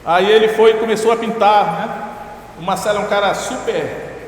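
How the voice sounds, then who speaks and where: A man's voice: sits high, normal speed. A male pastor from Brazil, telling a personal testimony in a sermon, talking loosely with fillers and repeats. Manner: storytelling with many fillers and repeats. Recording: echoey hall with long reverb, faint noise.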